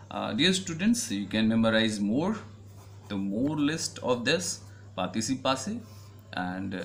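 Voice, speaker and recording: A man's voice: fairly low pitch, slight background noise. A man with an Indian English accent teaching a French grammar lesson, spelling out letters and patiently repeating each point.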